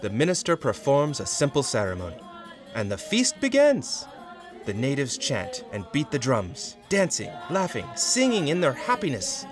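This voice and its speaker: A man narrates a second-person, vintage-style horror comic with theatrical suspense over background music. His medium-pitched voice swoops wildly up and down while he keeps a moderate pace.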